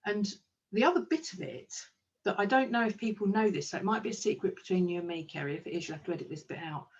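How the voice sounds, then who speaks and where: Talking fast and animatedly in a mid-range voice, this kinesiologist and business owner is enthusiastic and chatty in a casual interview, with plenty of ums. The mic is distant and the recording muffled.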